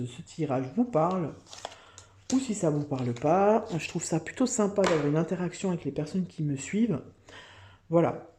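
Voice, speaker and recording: Female tarot reader for a video channel, relaxed dark tone, chatty and hesitant. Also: sits low, a little hiss or hum. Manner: chatty, hesitant with many fillers. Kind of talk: casual tarot reading monologue.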